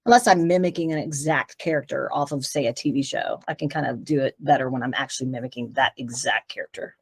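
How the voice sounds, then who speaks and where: A woman's voice: a bass voice, fast talker, husky. A middle-aged woman from Tennessee, a voice actress as guest, talking in a rambling, open, chatty way during a casual interview. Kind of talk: casual interview over a video call.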